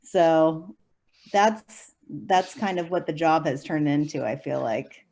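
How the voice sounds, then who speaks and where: A young woman who teaches special education preschool answers interview questions chattily, with many fillers and light laughter. Her voice sits low and slightly dark, and she takes her time.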